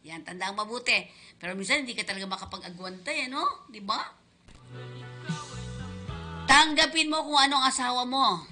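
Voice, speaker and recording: A woman's voice: on the high side, normal speed, long pauses, sharp tone, soft background music. A woman with a Filipino accent hosting a radio show, giving casual advice and often checking in with her listeners. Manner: chatty, asks listeners "di ba?" often, laughs. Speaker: radio host.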